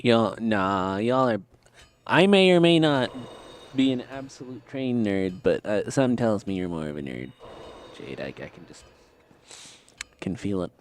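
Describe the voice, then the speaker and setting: A man's voice: fairly low pitch, very animated, measured pace, long pauses. A man with a lisp chatting casually as he streams a game, rambling and muttering to himself. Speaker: live streamer. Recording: music playing under the voice. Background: background music.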